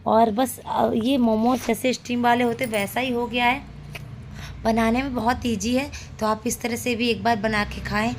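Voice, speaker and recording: A woman's voice: a little high, steady tone, normal speed, a little hiss or hum. A woman, a mother of young children, chatting homely and playfully as she cooks in her home kitchen for her cooking channel. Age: adult, a mother of young children. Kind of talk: casual cooking vlog narration.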